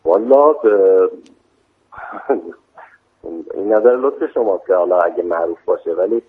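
A man's voice: low voice, animated, husky. Kermanshahi-accented man on a phone line. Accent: Kermanshahi Persian. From Kermanshah, Iran. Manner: hesitant, many fillers. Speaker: guest singer and music teacher. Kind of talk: radio interview answers.

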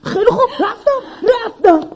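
A woman's voice: very high voice, animated, a little mellow. A woman voicing a restless teenage son in a dubbed drama, protesting and laughing off his mother's worry. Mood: reassuring.

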